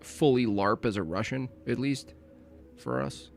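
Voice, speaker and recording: A man's voice: fairly low pitch, sing-song, measured pace, soft background music. A man co-hosting a podcast in loose, teasing banter, rambling and laughing at his own jokes. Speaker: podcast co-host. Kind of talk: casual banter.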